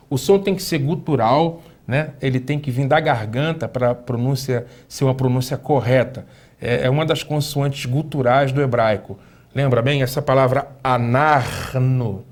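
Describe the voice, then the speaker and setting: A man teaching a recorded Hebrew lesson, speaking slowly, repeating words for the student to echo and asking the student questions. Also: mid-range voice.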